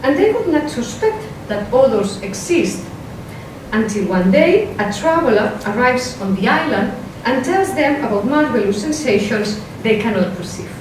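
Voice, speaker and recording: A woman with a pronounced Spanish accent presents an academic workshop talk as a philosopher, careful and measured, falling back on hesitant fillers when she strays from her script. Her somewhat high voice sounds distant, the lecture room echoes heavily, and there's clear noise on the recording.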